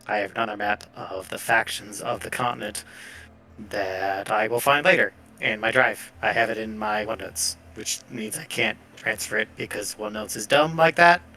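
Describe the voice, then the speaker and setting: A man running a tabletop game as game master over voice chat, talking in a relaxed, conversational way with quick asides. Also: on the low side, soft background music.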